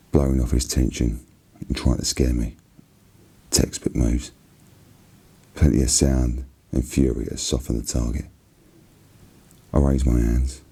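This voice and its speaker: A man with a Cockney accent reads a novel aloud in a soft, hushed ASMR style, husky and unhurried. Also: rumbling low. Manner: hushed, unhurried, even narration.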